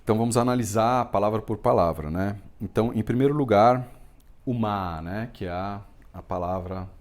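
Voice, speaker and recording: A man teaching yoga and meditation, explaining a mantra in a relaxed way, often asking "né?" and chanting lines slowly. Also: fairly low pitch. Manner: relaxed, explanatory, constant filler "né?". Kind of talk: explanatory lesson on a Sanskrit mantra.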